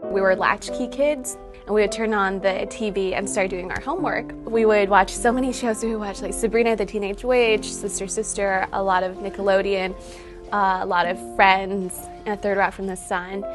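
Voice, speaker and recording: A woman's voice: mid-range voice, fairly even intonation, normal speed, over music. Earnest young woman telling her story. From San Francisco, United States. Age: 20s. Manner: earnest and reflective, grows emotional. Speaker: interviewee. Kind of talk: taped personal interview.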